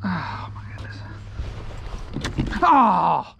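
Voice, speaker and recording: A man's voice: high voice, wildly swooping pitch, very slow, creaky, fairly bright tone, highs cut off, a little hiss or hum. A man fishing from a kayak, talking to himself in short exclamations, recorded outdoors on an action camera. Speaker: kayak angler filming himself. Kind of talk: muttered self-talk while fishing.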